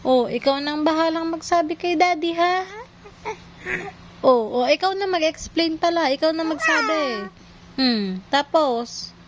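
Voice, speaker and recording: A mother in a casual home video, coaxing her toddler with slow, playful questions. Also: high voice, expressive, muffled recording, slight background noise.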